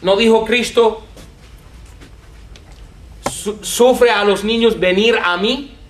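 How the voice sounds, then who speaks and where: A man preaching a sermon to a congregation, animated, repeating words and asking them questions. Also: high-pitched, takes it slowly, echoey room, a little hiss or hum. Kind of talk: sermon teaching. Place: church with a congregation.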